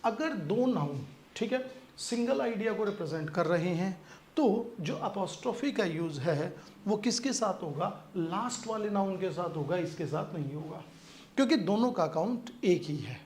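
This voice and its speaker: A man's voice: high voice, animated, measured pace, darkish tone. A male teacher with an Indian English accent gives a grammar lesson for exam students, speaking Hindi and reading out English example sentences. He checks again and again that the class has understood. The voice rings in an echoey room, with a faint hum of ambience behind it.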